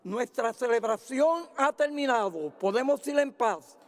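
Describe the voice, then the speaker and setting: A man with a high voice proclaims the end of the service, formal and raised. He sounds far from the microphone, and a long cathedral echo trails each phrase through the large church. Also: animated, measured pace. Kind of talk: liturgical dismissal.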